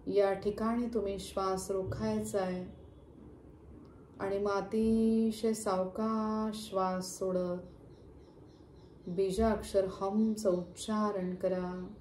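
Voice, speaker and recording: A woman leading a guided chakra meditation with slow, soothing instructions. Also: mid-range voice, flat delivery, a little mellow. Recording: echoey room, faint background hum.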